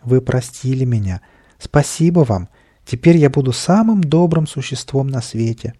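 A man with a warm, husky mid-range voice brings to life a small, scruffy creature in a storybook reading. At a moderate pace and very animated, he makes the male character boastful, cowardly, bratty and whiny.

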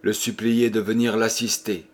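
A man narrating a classic novel as an audiobook, reading in a dramatic, measured way. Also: fairly low pitch, level tone. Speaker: audiobook reader. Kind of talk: scripted literary narration.

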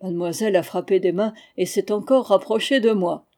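A woman reading a literary memoir aloud in a measured, expressive audiobook narration. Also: mid-range voice. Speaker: audiobook reader.

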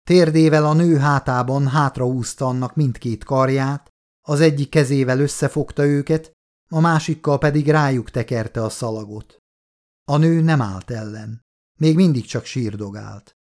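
A man narrating a horror audiobook in a measured, steady reading voice. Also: mid-range voice.

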